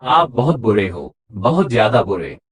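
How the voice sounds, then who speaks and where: A man's voice: fairly low pitch, very animated, measured pace, breathy edge, exaggerated voice. A man voicing a tender young bride who sulks and sobs out complaints to her husband in an audiobook romance. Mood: tearful. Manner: pouting, sobbing complaints. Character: tender young woman, sulky, tearful new bride.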